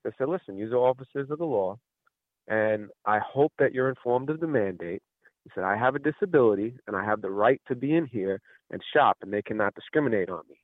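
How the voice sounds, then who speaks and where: A man's voice: lowish voice, expressive, fairly quick, no room sound. A male caller on a radio call-in show, telling a long story and acting out what each person said. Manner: rambling storyteller who acts out quoted exchanges. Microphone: telephone. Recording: tinny phone line, dry.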